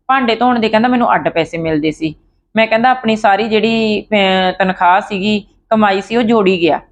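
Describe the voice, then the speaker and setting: Lady telling a true story, chatty, lots of restarts, dull lo-fi sound. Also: medium pitch. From Punjab. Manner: conversational, with fillers and restarts. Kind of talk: retelling a true story in casual narration.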